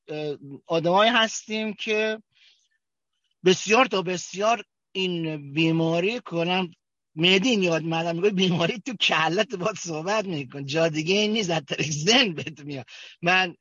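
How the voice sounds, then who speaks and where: Kermani man sharing a halting testimony. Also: sits high, bright, forceful tone, no echo. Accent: Kermani Persian. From Kerman, Iran. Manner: halting, with many fillers and restarts. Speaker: recovery group member sharing his story. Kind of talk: personal testimony at a recovery meeting. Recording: dull, dry recording.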